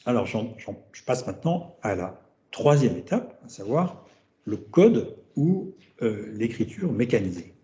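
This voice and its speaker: Very dark-voiced man lecturing, roomy. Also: lowish voice, very animated, a little slow. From France. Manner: thinking aloud, repeating words and tagging phrases with "hein". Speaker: researcher giving a seminar lecture. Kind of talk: academic lecture. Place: seminar room. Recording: roomy, dull lecture-room recording.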